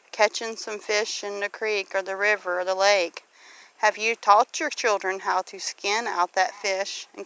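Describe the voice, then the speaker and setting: Here's a homesteader vlogger, a middle-aged woman with a Southern drawl, chatting informally outside near her animals and tossing questions at the audience in a folksy manner. She has a mid-range, clean, slightly bright voice, captured on a rough recording.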